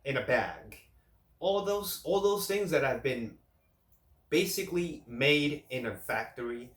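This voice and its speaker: A man's voice: fairly high pitch, lively intonation, measured pace, fairly bright tone. Rambling late-thirties man in an echoey room. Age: late 30s. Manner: rambling, repeats and restarts phrases. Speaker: fitness vlogger. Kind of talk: casual talk to camera.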